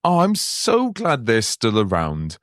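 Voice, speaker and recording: A man co-hosting a comedy podcast, riffing playfully and adding quick jokes. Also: medium pitch, wildly swooping pitch, dry recording, clean studio sound. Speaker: podcast co-host. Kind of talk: casual comedic chat.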